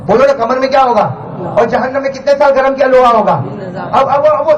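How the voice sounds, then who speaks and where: A man's voice: very high voice, dull audio. A man preaching to a congregation, calling for spoken answers from the crowd and chanting Quran verses in a melodic recitation. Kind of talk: sermon with call and response. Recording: echoey, distant mic, faint noise.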